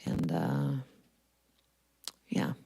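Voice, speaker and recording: A woman's voice: very slow, dark tone. A woman hosting a livestream from a studio, chatting enthusiastically about songwriting craft and humming bits of melody to show her point. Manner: enthusiastic, breaks into humming and sung lines to demonstrate. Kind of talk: casual livestream talk about songwriting between songs. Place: recording studio. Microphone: studio mic at a piano. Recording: clear piano playing behind the voice. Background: piano.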